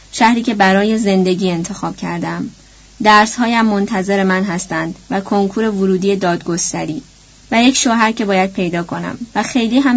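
A woman narrating a novel in the first person, measured and reflective, at a middle pitch. The recording is somewhat dull and lo-fi. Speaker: audiobook narrator.

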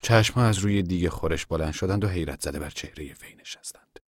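A man narrating a novel in a soft, measured voice that is often hushed. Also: low-pitched, no echo, studio quality.

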